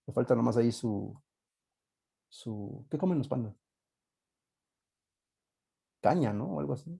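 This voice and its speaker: Mexican guy teaching an online class, middle pitch, warm mellow voice, casual, lots of "este" and side jokes. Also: animated, a little slow, creaky, breathy edge. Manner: casual, thinking aloud with many fillers and joking asides. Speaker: university teacher. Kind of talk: live online class lecture.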